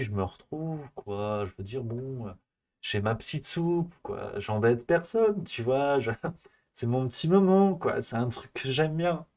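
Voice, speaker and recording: A man's voice: mid-range voice, darkish tone. Rambling, mocking male streamer. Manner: rambling, mocking, many hesitations. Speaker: live stream host. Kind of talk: casual satirical rant.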